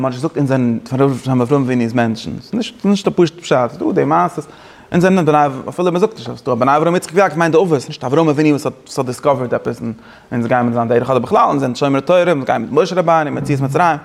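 A man teaching a Torah class, talking fast with many restarts and mixing in Hebrew and English phrases. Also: mid-range voice, creaky. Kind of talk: Talmud-style lecture.

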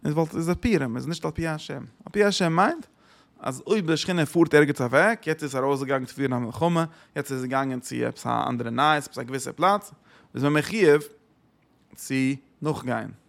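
A man's voice: a little high, brisk, creaky. A man giving a religious lesson who asks rhetorical questions and repeats his phrases. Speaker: Torah teacher.

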